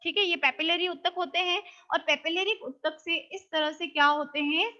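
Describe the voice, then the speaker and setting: Bright high-voiced woman teaching biology. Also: fairly even intonation, moderate pace, highs cut off. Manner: asks questions and answers them herself; checks understanding with frequent "got it?". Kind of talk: classroom biology lecture.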